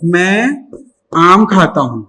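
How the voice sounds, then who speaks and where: A young male teacher with a high-pitched voice gives a live online lecture for exam candidates. He works through the material step by step, poses questions to the class, and supplies the answers himself. He talks to his students with a fond, familiar "beta". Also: sing-song, drawn-out words, sharp tone, slight background noise, poor audio. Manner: calls students 'beta' affectionately.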